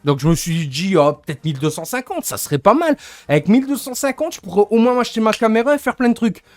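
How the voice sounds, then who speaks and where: A young man rants to his livestream chat about his frustrations, rambling and hunting for words as he goes. His voice sits a little high, the sound is dry and close, and faint music plays underneath. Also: animated, quick pace, no echo. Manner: rambling, gets annoyed, searches for words. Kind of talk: casual venting to stream chat.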